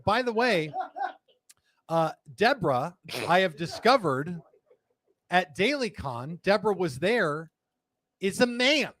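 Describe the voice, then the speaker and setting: A man's voice: sits high, big pitch swings, slow pace, pauses often, a bit bright. A man hosting a live cigar show, chatting casually, joking and reading viewer comments aloud. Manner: jokey, rambling, reads viewer comments aloud. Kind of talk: casual live-stream chat.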